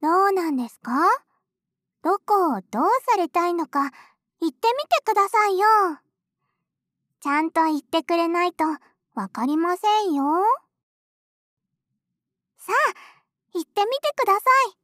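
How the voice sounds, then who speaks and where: A woman's voice: extremely high pitch, animated, normal speed, pauses often, no room sound, studio quality. A woman voicing a playful, teasing young woman in an audio role-play, coaxing the listener in polite speech.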